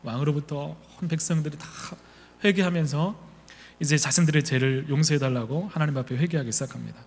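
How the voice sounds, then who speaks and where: A male pastor delivers a sermon in a slightly high voice. He tells stories and voices his own inner thoughts along the way. A long reverb hangs on his words, as in a church hall. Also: brisk, darkish tone. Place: church sanctuary.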